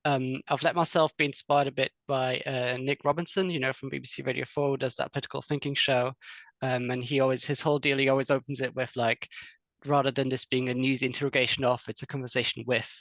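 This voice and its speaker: A man's voice: medium pitch, flat delivery, fast talker, a bit bright, dry recording. A man from Austria moderating an online panel discussion, talking hesitantly with many fillers.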